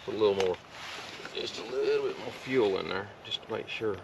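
Middle-aged man, folksy self-talk, low voice, distant camera mic, outdoor noise. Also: a little fast, gravelly. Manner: folksy, muttering to himself, talking to the camera. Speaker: outdoors vlogger. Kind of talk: casual solo narration while camping. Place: forest clearing outdoors. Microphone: camera set on the ground some distance away.

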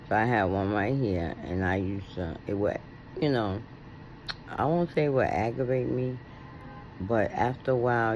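A middle-aged American man chatting casually to a phone camera with halting, toothless speech. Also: fairly low pitch, slight background noise, low-quality recording. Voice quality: toothless, soft-edged articulation. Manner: halting, with long pauses. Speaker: video blogger. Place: indoors at home, reclining. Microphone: phone at arm's length.

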